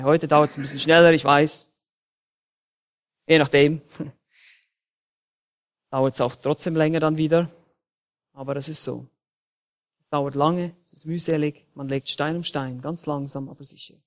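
Male pastor, high-pitched, emphatic sermon delivery with sharp swings in loudness. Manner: emphatic preaching with dynamic shifts in loudness.

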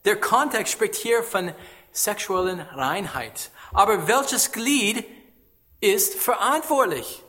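Slow, bright-voiced male preacher. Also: sits high. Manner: emphatic, rhetorical questions, non-native German with grammar slips. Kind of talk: sermon.

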